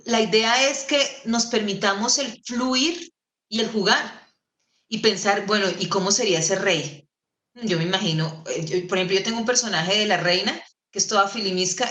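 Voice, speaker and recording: A Colombian woman storyteller giving an animated, theatrical lecture over a video call. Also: mid-range voice. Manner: theatrical, playful, shifting into put-on voices. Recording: echoey room.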